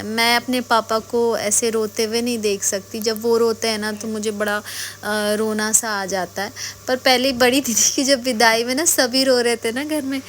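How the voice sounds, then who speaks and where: Young woman, casual rambling vlog narration, slightly high pitch, faint background noise. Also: fairly bright tone. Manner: chatty, rambling, mixes in English words. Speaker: vlogger.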